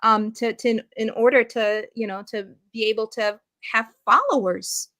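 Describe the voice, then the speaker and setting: A woman's voice: on the high side, fairly even intonation, unhurried, fairly bright tone. A woman hosting an interview, speaking hesitantly with many fillers and restarts while affirming her guest. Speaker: host.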